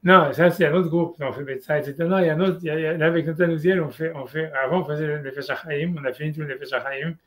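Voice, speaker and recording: Man, middle-aged, casual chat, rambling, rapid, slightly high voice. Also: fairly even intonation, slight background noise. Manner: rambling, many restarts and fillers.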